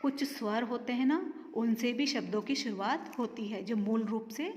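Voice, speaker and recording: A woman teaching a grammar lesson to children, reading each example word slowly and deliberately. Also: a little high, a little mellow. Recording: echoey room with long reverb.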